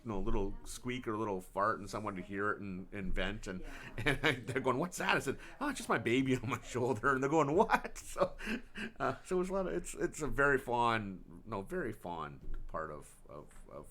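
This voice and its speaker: This male podcast co-host, with a mid-range, sing-song voice that's a bit bright and a little fast, chats casually about parenting. He rambles, keeps restarting his sentences, and laughs often.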